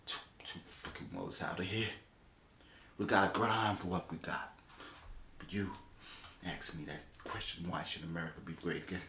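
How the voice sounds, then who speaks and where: A man's voice: deep voice, fairly even intonation, moderate pace, sharp tone. A man musing aloud in a puzzled, casual monologue. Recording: roomy echo with faint hiss.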